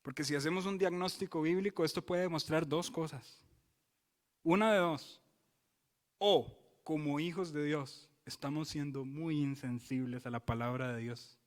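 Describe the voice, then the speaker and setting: A male pastor with a slightly high voice preaches in a church, his words carrying a long reverb through the sanctuary. He moves from loud, fervent exclamations to low, grave warnings and keeps putting rhetorical questions to the congregation. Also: fairly even intonation, moderate pace. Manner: emphatic preaching, swinging from loud exclamations to quiet solemn warnings. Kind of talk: expository sermon.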